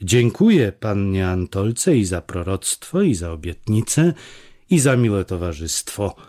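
A man's voice: deep voice, big pitch swings, measured pace, a little mellow. A man voicing a terse, proud young man who answers curtly and dryly. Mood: dryly mocking. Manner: laconic, curt.

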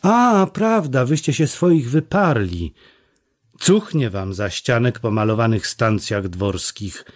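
A man voicing a proud, sharp-tongued young village woman who mocks and scolds in a raised voice. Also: mid-range voice, very animated, unhurried, voice pushed up. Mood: mocking. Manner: mocking, scolding.

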